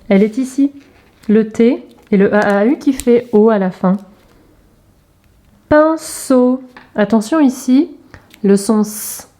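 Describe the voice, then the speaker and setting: Slow, careful teacher woman. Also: fairly high pitch, warm tone. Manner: slow, careful spelling of sounds and letters. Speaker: primary school teacher. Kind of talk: remote lesson video for young pupils.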